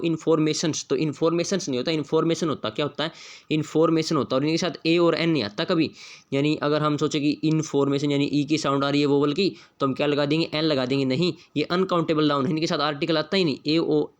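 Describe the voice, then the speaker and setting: Man drilling grammar answers. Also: on the high side. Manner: drills points with repeated question-and-answer; reads example sentences slowly. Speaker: English grammar teacher. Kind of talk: exam-prep lesson.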